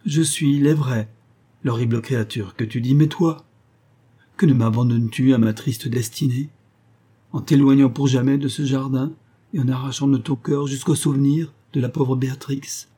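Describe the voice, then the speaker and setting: A man's voice: mid-range voice, fairly even intonation, moderate pace, mellow, slightly rough, voice pushed up, close to an everyday voice. A man reading aloud voices a frightened, tender young woman who pleads with her lover. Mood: pleading.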